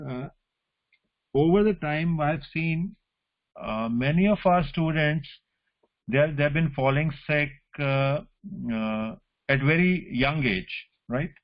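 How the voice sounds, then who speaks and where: A male academic with a North Indian accent explains things informally in an online teaching session. His phrases often end in small checking tags. The sound is a little dull, like call audio. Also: fairly high pitch. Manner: explanatory, often adds "you know" and "right?" as tags. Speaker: academic lecturer. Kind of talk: informal online lecture with question and answer.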